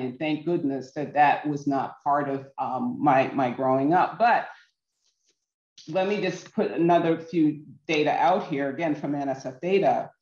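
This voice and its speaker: A woman's voice: low-pitched, darkish tone. Middle-aged woman from Barbados, earnest workshop presenter, some ums; roomy, dull video-call sound. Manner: earnest, measured, with frequent ums and restarts. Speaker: workshop speaker.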